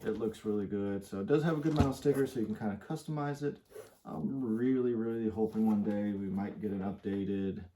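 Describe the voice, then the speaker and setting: A man's voice: on the low side, fairly quick, dark tone. A man giving casual, enthusiastic unboxing commentary as a toy collector, rambling a little with fillers and sounding slightly out of breath. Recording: clear background noise.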